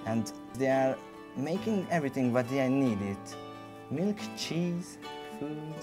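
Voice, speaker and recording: Male, Hungarian accent, non-native halting English, mid-pitched, informal interview over soft music. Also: lively intonation. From Budapest, Hungary. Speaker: competition barista.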